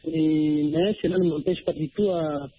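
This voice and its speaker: A man's voice: on the high side, steady tone, unhurried. A man with a Congolese French accent calling in to a radio show over a phone line, hesitant, with many fillers and repeated words.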